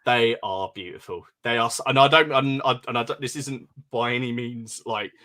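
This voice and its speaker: A man's voice: medium pitch, normal speed, bright, forceful tone. A man co-hosting a podcast, chatting casually, laughing and breaking off his own sentences. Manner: chatty, laughing, self-interrupting. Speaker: podcast co-host. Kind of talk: casual chat.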